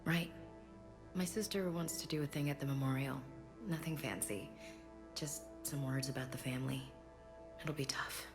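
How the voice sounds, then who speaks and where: A low, gravelly female soldier from a video game. She is proud and earnest, carrying grief with restraint, over faint music. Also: normal speed, long pauses. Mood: quiet, resolved. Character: wounded female soldier, proud, earnest, grieving big sister. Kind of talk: video game dialogue acting.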